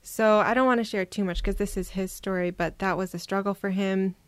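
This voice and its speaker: A woman from Minnesota, a guest on an interview podcast, telling her personal story in a reflective, soft-spoken way. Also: medium pitch, fairly even intonation, a little fast, clear, resonant tone, dry recording. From Minnesota, USA. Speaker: guest adoptee.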